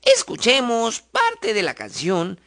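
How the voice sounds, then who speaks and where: Female teacher voice, slow and careful, bright tone, very lively pitch, lesson narration. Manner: clear, deliberate, stresses syllables in examples. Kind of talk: scripted grammar lesson narration.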